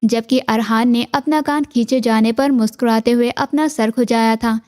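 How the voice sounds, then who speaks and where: A woman's voice, likely text-to-speech, narrating a romance story in an even, unhurried reading. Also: a little high.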